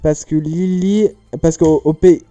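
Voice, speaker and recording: A man's voice: fairly high pitch, fairly even intonation, takes it slowly, warm tone, dry recording, soft background music. A man chatting casually as he solves riddles aloud, rambling, joking and correcting himself mid-sentence. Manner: rambling, jokey, self-correcting. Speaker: youtuber. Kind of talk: casual chat solving riddles on camera.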